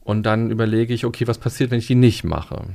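A man, a resilience coach, talking casually in a podcast studio and explaining ideas through everyday examples, stressing key words slowly. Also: on the low side, gravelly, a little mellow.

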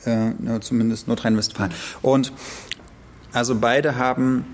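A man in his thirties co-hosting a literary podcast, talking in a relaxed, chatty way with many fillers. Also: mid-range voice, normal speed. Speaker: podcast co-host. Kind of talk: casual literary chat. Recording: faint background hiss.

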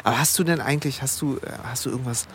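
A man's voice: medium pitch, rapid-fire. A German man in his forties hosts a casual podcast. He talks in a chatty, searching way and often breaks off and starts his sentences again. A faint noise sits behind his voice. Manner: warm, chatty, with hesitant restarts. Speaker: podcast host.

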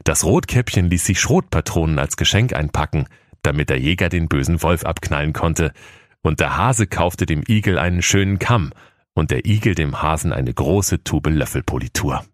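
A man tells a comic fairy tale with playful, mock-solemn relish. His voice is extremely deep. The recording is dry and close. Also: lively intonation, moderate pace, no echo. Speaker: narrator. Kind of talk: comic scripted narration.

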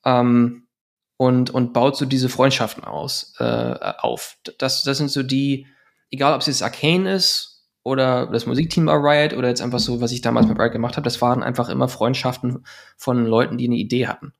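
A German man in his thirties speaks at a middle pitch with a gravelly, creaky edge. He rambles quickly through his answer and keeps restarting his sentences with fillers. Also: steady tone. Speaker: guest. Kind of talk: casual podcast interview.

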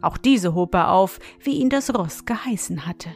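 A woman narrating a fairy tale in a calm, measured storytelling manner. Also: mid-range voice, faint music behind.

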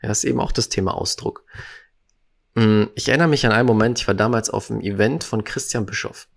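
Man, low voice, earnest reflective podcast co-host, emphatic. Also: fast talker, vocal fry. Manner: earnest, emphatic, acts out quotes. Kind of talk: casual reflective conversation.

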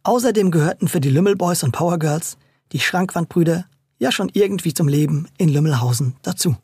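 A storyteller reading a scripted children's story in a lively, playful way. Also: medium pitch, a little fast, husky, no room sound, studio quality.

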